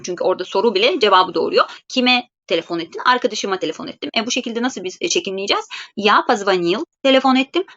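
A woman teaching Russian grammar in a live online lesson. She explains patiently and slows down to say each example. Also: on the high side, sharp tone, muffled recording.

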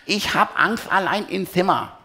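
A man's voice: sits high, lively intonation, a little slow, bright, forceful tone, voice pushed up, heavily acted. A man doing a timid, whiny little girl. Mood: whining. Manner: whining.

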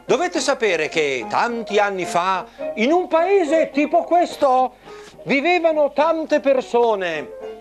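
Male storyteller, fifties, animated, swooping intonation, emphatic, children's puppet theatre. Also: extremely high pitch. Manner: expressive, emphatic. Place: small indoor room with puppet stage.

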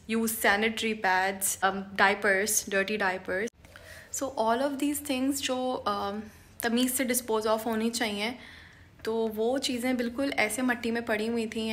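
A woman's voice: fairly high pitch, fairly bright tone. A young woman from Pakistan with a Karachi accent, switching between Urdu and English as she rants indignantly to a camera held at arm's length in her bedroom. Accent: Karachi Urdu, mixing in English. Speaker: vlogger. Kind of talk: ranting to camera. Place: bedroom indoors.

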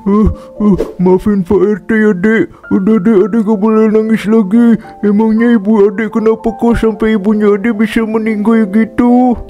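A man's voice: high voice, little pitch movement, moderate pace, muffled recording, soft background music, natural voice. A man voicing a fussy middle-aged neighborhood head in a cartoon who scolds and chats. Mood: concerned. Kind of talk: cartoon voice acting.

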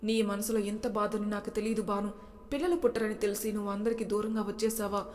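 A woman's voice: medium pitch, fairly even intonation, fast, close to an everyday voice. A woman voicing a protective young man who speaks firmly but tenderly, in a storybook reading. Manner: firm, commanding yet gentle. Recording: reverberant room.

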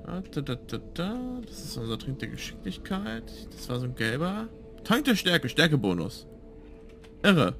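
A man's voice: fairly high pitch, sing-song, normal speed, creaky, music in the background. A man giving casual gameplay commentary as a let's player, musing aloud to himself. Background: game sound.

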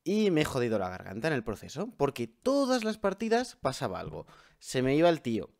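A man's voice: medium pitch, huge pitch swings, a little fast, gravelly, a little mellow. A young man with a sore, strained throat, rambling casually to viewers over gameplay and swearing freely. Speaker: gameplay YouTuber. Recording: faint music behind.

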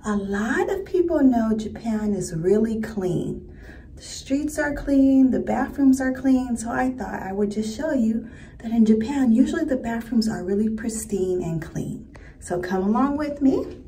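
A woman's voice: on the high side, expressive, a little slow, dark tone, slight background noise. A middle-aged woman vlogging in a bubbly, chatty way to viewers, filming herself with a phone at arm's length inside a small public restroom. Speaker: travel and food vlogger. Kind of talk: upbeat travel vlog to camera. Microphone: phone held at arm's length.

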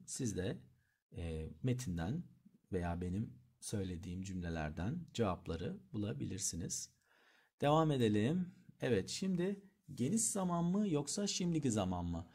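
A man's voice: on the low side, dark tone, husky. A man teaching an English lesson, reading example sentences aloud and then translating each one. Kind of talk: bilingual language lesson.

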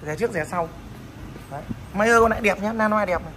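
A man from the north of the country, showing off a motorbike for sale in a casual vlog, with fast salesman patter and short repeated tags. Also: high voice, crowd noise. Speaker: motorbike dealer vlogger.

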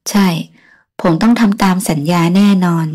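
A woman's voice: mid-range voice, normal speed, a little mellow, close to an everyday voice. A woman voicing a stern, impatient young French painter who speaks firmly and insistently. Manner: firm, clipped and insistent.

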